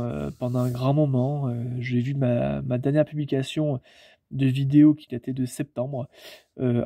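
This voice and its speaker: Mellow-voiced French collector, hesitant. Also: male voice, mid-range voice, gravelly, dry recording, clean studio sound. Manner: relaxed, hesitant, many fillers. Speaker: coin collector YouTuber. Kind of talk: casual coin presentation.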